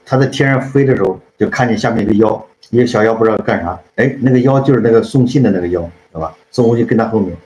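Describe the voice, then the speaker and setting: A man's voice: lowish voice, rapid-fire, few pauses, a little mellow, a little hiss or hum. A man casually retelling a classic story as a channel host, rambling and often correcting himself while checking in with the listener. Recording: roomy, dull lo-fi sound.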